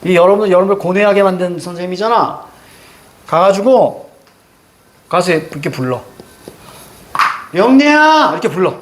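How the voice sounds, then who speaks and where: A male literature teacher giving a lecture to students, animated and joking, with sudden loud outbursts. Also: sits high, a little fast, pauses often, a little hiss or hum.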